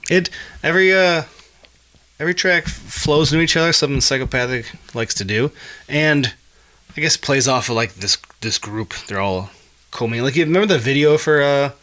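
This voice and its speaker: A man's voice: mid-range voice, normal speed. A man in his thirties co-hosting a podcast, telling stories with energy and laughing often. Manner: animated storyteller, laughs often. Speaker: podcast co-host. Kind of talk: casual podcast chat.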